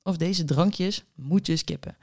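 A woman's voice: on the low side, unhurried, a little mellow. A woman hosting a solo podcast as a diet coach, talking in a chatty, blunt way with mild swearing and acted inner thoughts. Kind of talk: casual solo podcast monologue.

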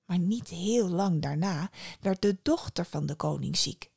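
Woman podcast host reading a fairy tale, calm and intimate, gravelly fry in her voice. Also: lowish voice, a little slow. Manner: calm, intimate storytelling with soft asides. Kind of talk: storytelling narration.

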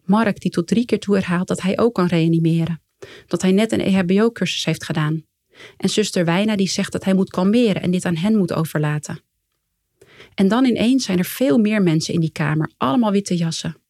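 A woman reading her own memoir aloud in a calm, measured way, quietly voicing the lines of the people in it. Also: lowish voice, dry recording, studio quality. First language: Dutch. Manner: calm, measured storytelling with quiet quoted dialogue. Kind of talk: first-person memoir reading.

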